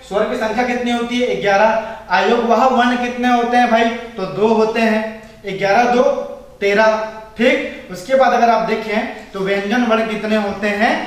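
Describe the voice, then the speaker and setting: A man teaching an exam coaching class, who keeps asking questions and answering them himself and calls his students "bhai". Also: sits high. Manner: asks and answers his own questions, repeats key points. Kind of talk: classroom grammar lecture. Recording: very echoey room, voice far from mic.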